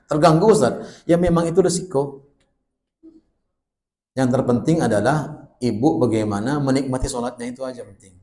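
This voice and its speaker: Lively middle-aged male preacher. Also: mid-range voice, roomy sound, slight background noise. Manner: conversational, asks the audience questions; swings between loud bursts and soft asides. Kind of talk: religious study talk. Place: small prayer room.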